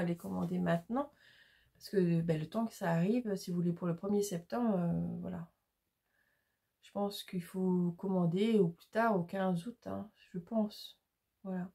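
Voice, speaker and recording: A woman's voice: mid-range voice, darkish tone. A woman hosting a craft video, chatting casually with many fillers as she shows her supplies. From France. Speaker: craft channel host. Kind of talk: casual chat showing crafts.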